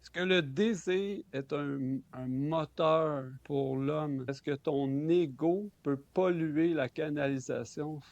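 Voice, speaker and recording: Québécois man, host, gravelly somewhat high voice, dry close sound, playful questions. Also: takes it slowly, few pauses, darkish tone, no echo, muffled recording. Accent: Québécois French. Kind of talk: casual conversational interview.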